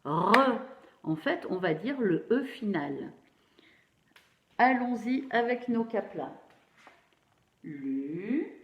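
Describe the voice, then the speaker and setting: A woman teacher giving a phonics lesson to young children, slowly spelling out syllables and praising them. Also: fairly high pitch, animated. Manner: slow, encouraging, syllable by syllable. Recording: roomy, dull lo-fi sound.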